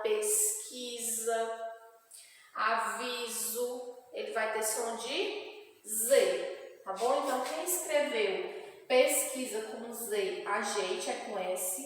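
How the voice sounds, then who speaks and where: A Brazilian woman teacher slowly going over spelling with children, spelling out words in a patient, clear classroom manner. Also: on the high side, slight background noise. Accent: Brazilian Portuguese. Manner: slow, clear, syllable-by-syllable teaching. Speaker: primary school teacher. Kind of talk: spelling lesson dictation review. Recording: echoey room with long reverb.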